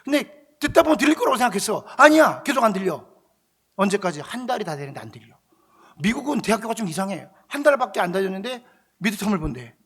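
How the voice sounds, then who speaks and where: A male pastor telling a personal story in a lively, conversational sermon, acting out the voices of the people in it. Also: high voice, fast, breathy edge. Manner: animated, conversational, acting out quotes, shouting at peaks.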